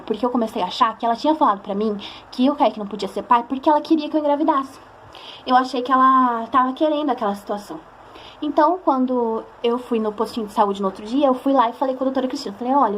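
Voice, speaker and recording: A woman's voice: fairly high pitch, slight background noise. A young woman with a Brazilian accent, telling a personal story to her viewers in a chatty, emotional way and acting out the voices of people she quotes. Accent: Brazilian Portuguese. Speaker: vlogger.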